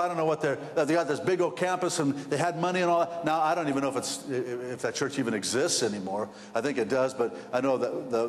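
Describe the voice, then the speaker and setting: A man preaching a sermon, rambling and repeating words as his storytelling builds in excitement. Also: medium pitch, long reverb tail. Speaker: pastor.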